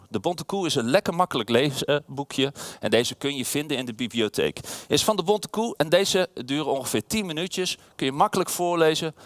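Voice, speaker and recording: A man's voice: medium pitch, dry recording. Een man leest een kinderverhaal voor aan een groepje kinderen, speels en met veel beweging in zijn stem. Hij spreekt de kinderen direct aan. Droog en dichtbij opgenomen, zonder galm. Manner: lively, playful, addresses children. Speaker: alderman reading to children. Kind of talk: reading a children's story aloud. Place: room with children present.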